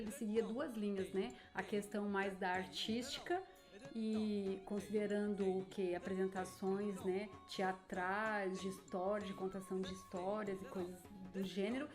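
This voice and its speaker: A woman presenting in a seminar, explaining theory and asking herself rhetorical questions. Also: mid-range voice. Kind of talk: academic explanation.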